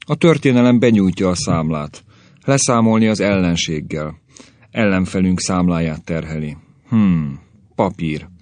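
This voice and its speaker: A man's voice: low voice, darkish tone, no room sound, close to an everyday voice. A man voicing an eager, long-serving newspaper editor who rattles off stock phrases.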